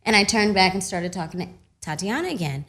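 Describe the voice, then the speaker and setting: A young woman, an actress guest, chatting casually in a radio studio and telling animated stories with laughter. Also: medium pitch, brisk. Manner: animated storytelling, laughing, loud when excited. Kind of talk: casual radio interview chat.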